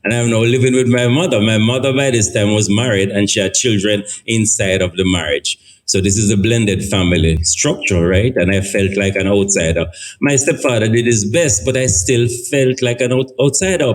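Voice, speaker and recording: Jamaican man preaching to parents and teens. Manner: storytelling, sweeps up high when stressing a point; often checks in with "right?". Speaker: speaker at a family forum. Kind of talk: sermon-like talk to parents and teens.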